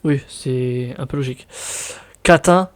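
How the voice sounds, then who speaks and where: A young French man with a French accent chats casually in a vlog, reading out words and reacting with surprise. His voice is medium-pitched and unhurried.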